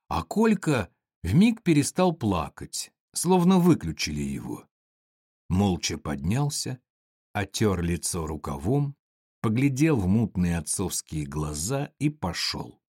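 Guy reading an audiobook, slow and dry, lively voice that rises and falls a lot. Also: lowish voice, breathy edge, dry recording. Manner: expressive, measured storytelling. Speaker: narrator. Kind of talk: audiobook narration.

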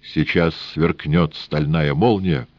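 A man reading an audiobook in a measured, even storytelling manner. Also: rumbling low, no echo, muffled recording. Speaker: audiobook reader. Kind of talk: scripted audiobook narration.

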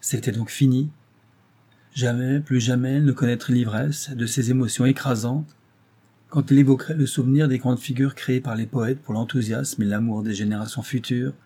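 A man reading a classic novel aloud as an audiobook narrator, steady and literary. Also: medium pitch, normal speed, slightly rough. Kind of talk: scripted narration.

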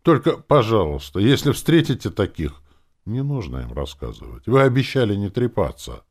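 A shy, tearful young elf girl, played by a man in a storybook reading. She speaks softly and haltingly, her voice lifted above a low male register. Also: very animated. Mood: timid. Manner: soft, hesitant.

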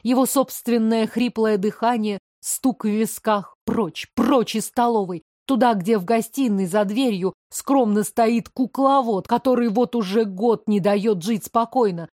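A woman reads an audiobook with tense, dramatic narration. Her voice sits a little high, and the recording is close and bone dry, with no room sound at all. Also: unhurried, few pauses, warm tone, dry recording. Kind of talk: scripted narration.

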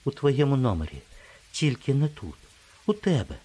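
A man voicing a proud, sharp-tongued young woman in an audiobook, speaking in a hushed, tense way. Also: medium pitch, very animated, normal speed, slightly rough, voice pushed up. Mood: hushed pleading.

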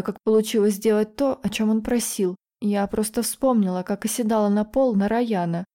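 A woman narrating a fantasy novel in the first person with steady, expressive reading. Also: mid-range voice. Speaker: audiobook narrator.

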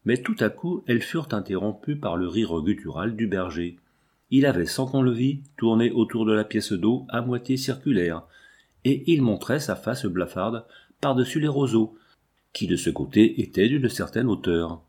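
Husky guy reading an old novel aloud, low voice, measured. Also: lively intonation, darkish tone. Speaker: narrator. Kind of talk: audiobook narration.

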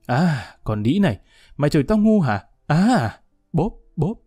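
A man's voice: medium pitch, expressive, normal speed, dark tone, no room sound, studio quality, faint music behind, natural voice. A man doing a violent jealous young thug. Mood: enraged.

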